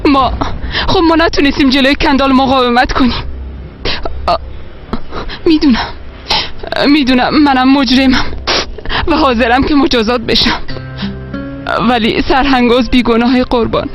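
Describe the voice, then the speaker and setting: A woman voicing a frantic young woman begging for someone's release, her high voice breaking into pleas. Faint music plays under the dubbed drama. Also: steady tone, pauses often, lightly acted. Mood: pleading. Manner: pleading, sobbing. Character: desperate young woman pleading for an officer.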